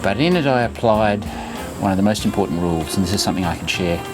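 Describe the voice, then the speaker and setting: A man's voice: low voice, animated, quick pace, over music. A man in his sixties talking casually to camera as a running vlogger, chatty, instructive and reassuring as he shares tips. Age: 60s.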